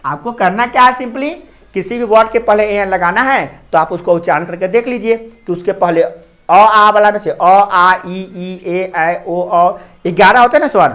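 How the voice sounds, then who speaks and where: A man's voice: high voice, moderate pace, a bit bright. A man teaching a grammar lesson to a class. He repeats each point and keeps asking whether the students have understood.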